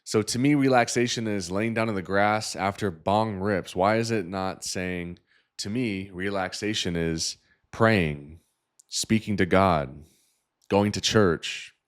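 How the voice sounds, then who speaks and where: A man with a very low voice delivers sarcastic reaction commentary. He rants in a preachy tone while reviewing dating profiles. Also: slow.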